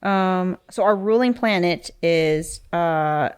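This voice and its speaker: A woman with a somewhat low voice co-hosts a casual podcast. She reads astrology passages aloud, then stops to muse on them, dropping in plenty of fillers like "um" and "like.". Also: slow, clean tone. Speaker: podcast co-host. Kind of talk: casual chat, reading aloud from an astrology book.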